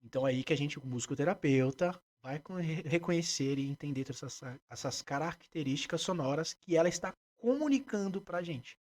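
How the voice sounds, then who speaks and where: Animated Brazilian man who sings examples. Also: a little high, a little fast, few pauses. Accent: Brazilian Portuguese. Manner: animated, demonstrates by singing snippets. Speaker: music therapist guest. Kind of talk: explanatory interview talk.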